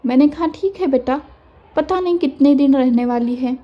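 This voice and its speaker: A woman voicing an older mother-in-law who speaks gently and firmly, giving measured advice in an audio story. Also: high voice, close to an everyday voice. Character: older mother-in-law, calm, wise, quietly firm.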